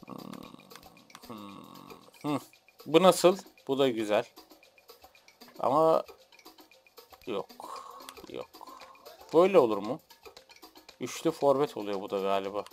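Male gaming streamer, mid-pitched, casual and excitable, chats with his viewers while he plays. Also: slow pace, pauses often, faint music behind. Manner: chatty, excitable, talks to the game and his chat. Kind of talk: casual gameplay commentary.

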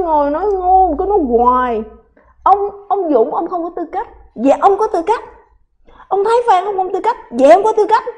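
Female talk host with a high voice who rants hotly and combatively at her audience. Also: mellow, highs cut off. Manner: combative, ranting, many repeated words. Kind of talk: heated talk to viewers.

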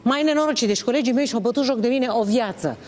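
A woman's voice: on the high side, a little mellow. A woman, bantering on a talk show in a playful, self-mocking way.

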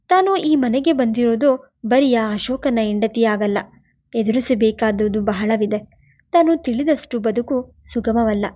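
A woman narrating a novel as an audiobook in a steady storytelling manner. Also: fairly high pitch. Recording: dull lo-fi recording.

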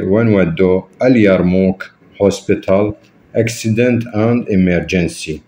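A low-pitched man with an Iraqi Arabic accent gives an English lesson in a mellow, warm voice. He fills pauses with long "aah" sounds and reads each English line slowly and deliberately. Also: a little hiss or hum. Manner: explains step by step with frequent drawn-out "aah" fillers, reads English lines slowly. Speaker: English teacher. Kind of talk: recorded classroom lesson.

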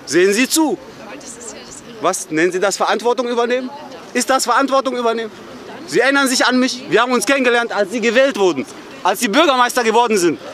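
A man in a very high-pitched, fast voice shouts repeated accusations at an official during an angry street confrontation at an outdoor memorial protest, with a faint crowd audible.

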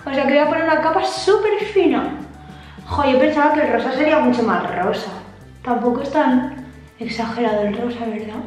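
A young woman with a Spain Spanish accent, chatting casually and excitedly to her viewers as a vlogger. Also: sits high, a little fast. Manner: chatty and exclamatory. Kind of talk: casual chat to camera. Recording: very echoey room, faint music.

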